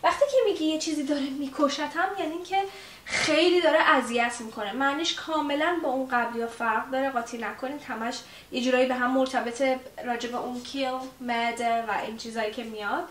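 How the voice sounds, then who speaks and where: A woman teaching a casual language lesson in a chatty way, with many fillers, who repeats her example phrases slowly. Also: high voice, fairly even intonation, a bit bright. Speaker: English teacher. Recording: roomy echo, distant mic, faint hiss.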